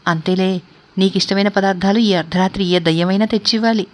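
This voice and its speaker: A bold young woman with a teasing, assured way of talking, spinning a ghost tale for her friends in a spoken storybook, as a woman narrator puts her on. She talks in an everyday voice at a middle pitch. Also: fairly even intonation, quick pace, natural voice.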